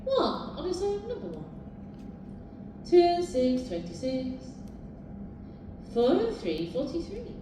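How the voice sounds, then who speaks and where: A British woman working as a bingo caller, announcing numbers live in a sing-song, formulaic way with measured repetition. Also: high voice, huge pitch swings. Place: large echoing indoor bingo hall. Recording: very echoey hall, distant, noisy.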